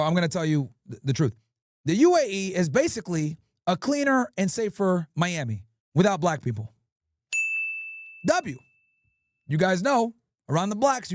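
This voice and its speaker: In a dry, studio-quality recording, a man with a high-sitting voice hosts a livestream, offering loud-mouthed commentary and lively stories laced with swearing. English is his first language.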